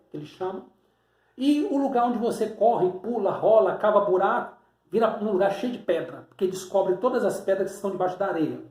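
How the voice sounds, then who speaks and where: A preacher from Bahia with a notably high voice. He teaches patiently, pointing at drawings and asking rhetorical questions. The sound bounces around an echoey room. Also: a little mellow. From Salvador, Bahia, Brazil. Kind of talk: teaching sermon with a board.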